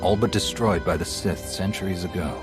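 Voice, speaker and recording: A male actor plays a steadfast Jedi hero in a video game. His voice is very deep, with measured, courteous, earnest delivery. Music is clearly heard behind him. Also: natural voice. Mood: calm, earnest. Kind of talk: video game cutscene acting.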